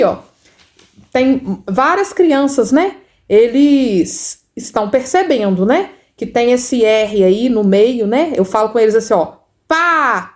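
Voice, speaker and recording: Speaking with a Brazilian Portuguese accent, this woman teaches first-grade literacy in an informal lesson, her voice rather high with a darkish tone. She chats freely, leans on tag questions, and draws syllables out slowly.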